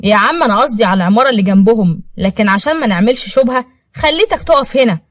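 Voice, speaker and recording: A pushy young man, coaxing and persuasive, speaks in an Egyptian accent, voiced by a woman narrator. He talks quickly in a fairly high voice. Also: lively intonation, no room sound.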